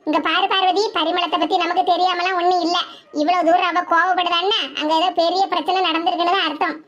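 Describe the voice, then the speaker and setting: A woman's voice: extremely high pitch, flat delivery, fast, a bit bright, highs cut off, a little hiss or hum. A woman voicing comic cartoon dialogue in chatty village banter, with a Tirunelveli Tamil accent. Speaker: cartoon voice artist.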